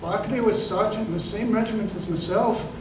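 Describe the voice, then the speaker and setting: At a live stage performance in a museum, a man acts in an old-time radio drama as an embittered, crippled former corporal, earnest and working-class, recalling how he was betrayed. His voice sits high, and he speaks haltingly and emphatically, repeating words, in a wistful, bitter tone. The recording is echoey and noisy, picked up by a distant mic.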